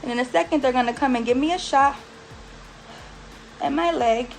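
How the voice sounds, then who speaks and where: A woman's voice: high-pitched, moderate pace, soft background music, rough recording. Frustrated, blunt woman venting. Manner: blunt, profane, exasperated venting. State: post-surgery, frustrated and aggravated. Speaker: vlogger. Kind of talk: venting to camera. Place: recovery house bedroom.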